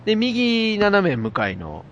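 A man with a Kansai accent telling an animated anecdote in casual chat. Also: high voice, a little slow, muffled recording, a little hiss or hum. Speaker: storyteller.

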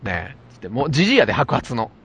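A man with a Kansai accent telling an animated anecdote in casual chat. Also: mid-range voice, very fast, slightly rough. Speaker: storyteller.

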